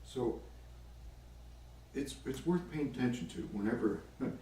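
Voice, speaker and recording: A man's voice: medium pitch, a little slow, mellow, slight background noise. A man leading a prayer group, retelling a gospel story casually with chatty, wry asides. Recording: echoey room, far from mic.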